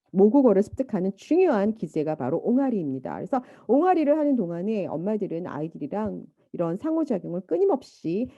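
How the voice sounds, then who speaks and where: A woman giving a lecture, lively and animated, now and then imitating baby babble and a mother's talk. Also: medium pitch, dry recording, muffled recording. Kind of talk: university lecture.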